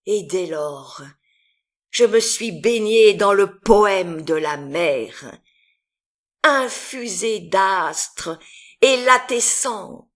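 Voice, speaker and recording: Reading literary verse aloud, a female poetry reader uses a mid-range voice. She goes extremely slowly and deliberately, leaving long pauses between phrases, and her recitation is dramatic and expressive.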